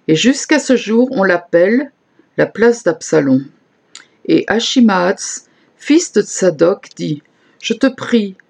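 A reader giving a slow, measured scripture reading, lifting the voice a little for quoted speech. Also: medium pitch, darkish tone.

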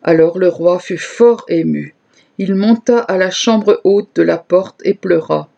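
A reader giving a slow, measured scripture reading, lifting the voice a little for quoted speech. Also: mid-range voice, vocal fry, dark tone, highs cut off.

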